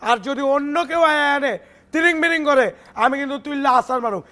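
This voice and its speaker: Comedy sketch, a man as a very high-voiced, fast-talking gym bro who throws threats. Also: bright, forceful tone. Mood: threatening. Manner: swaggering, threatening. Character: cocky young male gym bodybuilder, hotheaded.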